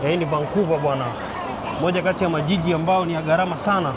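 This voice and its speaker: Talking very fast in a slightly high, steady voice, this Tanzanian vlogger strolls a crowded city street at a nighttime celebration. His commentary is chatty and full of jokes and laughter aimed at viewers, and the street recording is very noisy with crowd and music.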